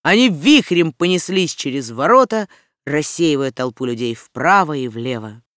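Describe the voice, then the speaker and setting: An audiobook narrator reading a story aloud in an even, measured way. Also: medium pitch, dry recording, studio quality.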